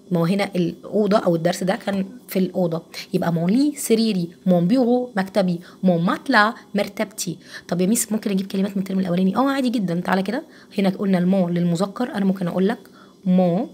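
A woman teacher with an Egyptian Arabic accent explains French grammar to young pupils. She is patient, says words slowly and often checks that they follow. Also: on the low side, darkish tone, slightly rough.

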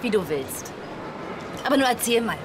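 A lively, outspoken woman in her thirties, in a TV drama. Her voice sits a little high and she comes straight to the point. Clear background noise is heard under her voice. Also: normal speed. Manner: lively, direct. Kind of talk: TV series acting.

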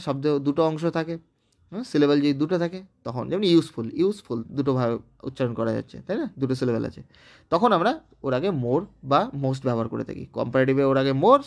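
A man's voice: mid-range voice, a little mellow. A man from West Bengal with a Bengali accent, teaching an English grammar lesson step by step and often checking that his students have understood. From West Bengal, India. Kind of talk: recorded online grammar lesson.

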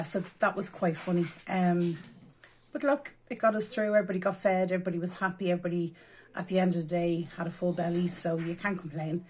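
A woman's voice: fairly low pitch, a little mellow, low-quality recording. A woman in her forties with an Irish accent, chatting casually as she cooks and explains each step in her home kitchen. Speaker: home cooking vlogger. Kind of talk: casual cook-along talk. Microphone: camera on the worktop.

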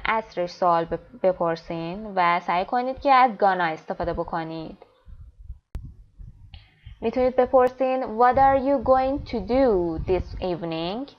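Woman teacher, Afghan Dari accent, lo-fi. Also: medium pitch. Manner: rapid explanations, slow deliberate example sentences. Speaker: English teacher. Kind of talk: classroom language lesson.

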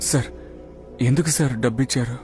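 A man's voice: medium pitch, fast, a little mellow, natural voice. An actor playing a young male PT master who respectfully but firmly presses his boss for answers. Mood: insistent. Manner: insistent, pleading, repeats "sir". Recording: film soundtrack with music.

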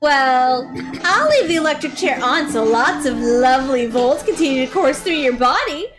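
A woman's voice: high voice, animated, normal speed, soft background music. A woman voicing a sadistic, theatrical female villain in a horror game, mocking and grand. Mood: gleeful. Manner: grand, mocking, relishing cruelty. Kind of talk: reading game dialogue aloud on stream.

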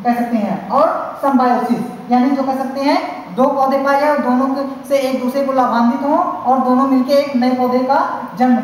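High-voiced woman lecturing in echoey hall. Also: steady tone, moderate pace, hardly any pauses. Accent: Hindi-speaking North Indian. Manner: repetitive, filler-heavy explaining with frequent restarts. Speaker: college teacher. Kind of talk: classroom science lecture. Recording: very echoey hall, faint hiss.

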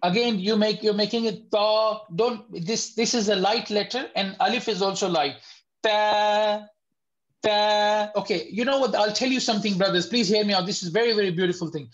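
A Tajweed teacher runs a beginners' lesson on an online call, his high-sitting voice arriving slightly dull and lo-fi. Patiently, he repeats each sound slowly and gently corrects students along the way.

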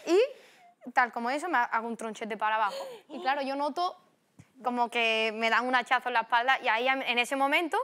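Young woman from Spain, slightly high voice, animated storyteller in casual chat. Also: a little fast. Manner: lively storytelling with acted-out quotes. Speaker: guest footballer.

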